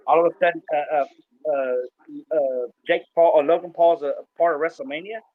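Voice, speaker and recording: A man's voice: fairly high pitch, fairly even intonation, normal speed, no room sound. A man co-hosting a casual talk show, rambling through stories with lots of fillers and restarts. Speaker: podcast co-host. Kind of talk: casual chat. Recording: dull lo-fi sound.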